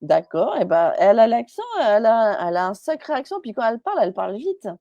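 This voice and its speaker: A woman's voice: a little high, very animated, fast talker, warm tone, dry recording, highs cut off. A woman medium on a live stream, chatty and hesitant, with many fillers and restarts, relaying messages as quoted speech.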